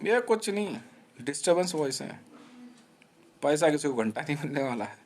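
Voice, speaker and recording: A man with a fairly high voice talks on and on in a rambling live monologue. He jabs at his listeners with taunting slang. He keeps circling back and repeating himself. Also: sing-song, normal speed. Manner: restless, repeats himself and restarts. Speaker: live streamer.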